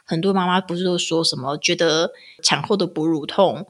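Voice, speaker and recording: A woman's voice: on the low side, normal speed. A woman, casually chatting as a podcast co-host and acting out quotes with laughter. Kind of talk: casual chat.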